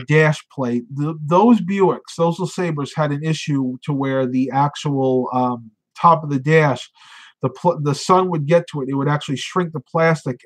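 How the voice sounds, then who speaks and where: A fairly high-voiced man runs a casual live stream, reading viewer comments and chatting with lots of fillers. Congestion is setting in as he loses his voice.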